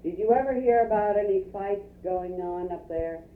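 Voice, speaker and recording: A woman's voice: medium pitch, normal speed. Woman interviewer on a tinny, echoey tape. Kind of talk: informal oral history questioning. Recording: tinny, roomy, distant, noisy field tape.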